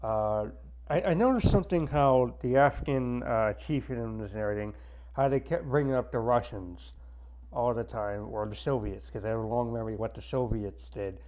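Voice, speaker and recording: A man giving a casual movie review with a pen held in his mouth, his speech impeded and halting, stuttering and repeating words. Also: mid-range voice, darkish tone, rough recording. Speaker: movie reviewer, army soldier.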